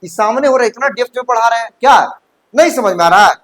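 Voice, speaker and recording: High-voiced male coaching teacher. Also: fast talker, fairly bright tone, rough recording. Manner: checks understanding often, mixes English terms into Hindi. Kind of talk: classroom lecture. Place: classroom.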